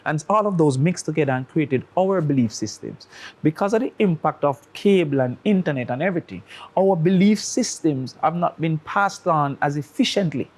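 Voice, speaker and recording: A slightly high male voice with lively intonation and a Jamaican accent speaks at normal speed. The talk-show guest makes opinionated arguments, drawing on analogies and rhetorical questions.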